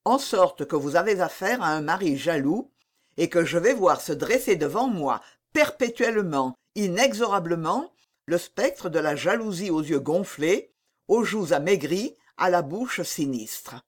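A tormented young king, lovesick and jealous, as a woman reading a novel puts him on. The voice swings widely in pitch while staying slow and pleading. Heated outbursts break through an unhurried storybook reading. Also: animated. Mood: anguished.

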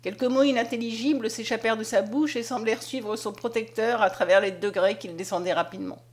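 A woman narrating a novel aloud, in a measured, expressive reading. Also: fairly high pitch. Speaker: audiobook narrator.

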